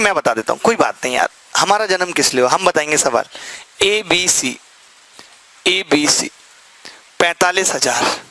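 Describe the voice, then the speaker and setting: A man's voice: a little high, sharp tone, poor audio. A man teaching a maths class live, explaining problems step by step and joking with his students.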